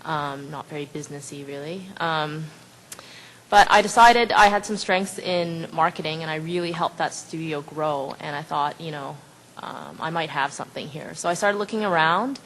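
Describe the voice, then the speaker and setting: A woman's voice: deep voice, moderate pace, a bit bright, slight background noise, low-quality recording. A woman from Vancouver, speaking as a panelist, chatty and a bit self-deprecating. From Vancouver, Canada. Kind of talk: panel answer.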